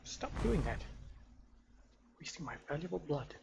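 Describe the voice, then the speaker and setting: A man's voice: on the high side, sing-song, measured pace, creaky. A wheezy man with a cold giving casual gameplay commentary, muttering hesitant asides to himself. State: has a cold. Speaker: gamer commenting while playing. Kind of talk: casual let's play commentary. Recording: noisy, dull lo-fi mic.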